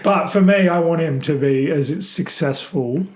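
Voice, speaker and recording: A man co-hosting a podcast, throwing in quick teasing jokes. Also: a little high, darkish tone. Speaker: podcast co-host. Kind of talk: casual banter.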